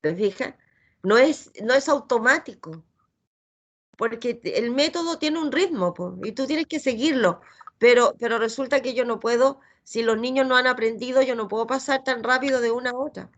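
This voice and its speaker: A middle-aged Chilean woman teaches reading in a bright, slightly high voice. She takes her time, sounding out each letter and syllable with patient care. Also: normal speed. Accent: Chilean Spanish.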